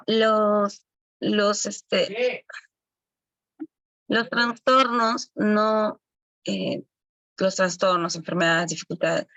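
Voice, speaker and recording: A woman's voice: mid-range voice, fairly bright tone, no room sound, highs cut off. Woman lecturing with a dry close sound. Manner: explanatory, with frequent self-corrections. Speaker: instructor for early-education assistants. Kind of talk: online lecture.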